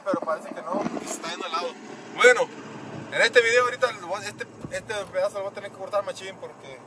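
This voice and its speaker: A man in his thirties with a Mexican accent, chatting casually as a vlogger in slangy, sweary Chicano-style street talk. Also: high-pitched. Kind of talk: casual vlog chat. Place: truck cabin and snowy outdoors at night. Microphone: handheld phone at arm's length. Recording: noisy handheld, car and outdoor noise.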